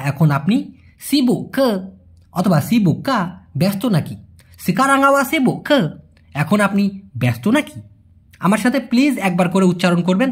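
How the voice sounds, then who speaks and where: Husky male language tutor with a lively, swinging pitch who drills words slowly and keeps throwing out questions. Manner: drills words slowly, repeats them and asks the listener to repeat; chatty, asks rhetorical questions. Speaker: language teacher. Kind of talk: Bengali-language lesson teaching Malay phrases.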